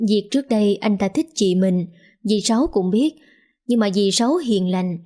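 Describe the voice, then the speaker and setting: A woman narrating an audiobook story in an even storytelling manner. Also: mid-range voice.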